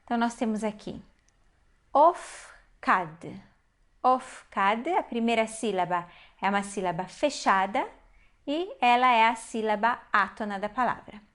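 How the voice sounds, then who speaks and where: A woman teaching a Hebrew reading lesson, explaining patiently step by step and slowing down to spell out syllables. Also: on the high side, expressive, a bit bright. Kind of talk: online language lesson.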